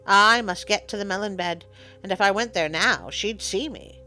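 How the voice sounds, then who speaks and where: A woman voicing a bossy, fierce little male mongoose in a storybook, with a brisk scolding manner. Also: mid-range voice, bright, forceful tone, soft background music, close to an everyday voice, poor audio. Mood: exasperated, commanding.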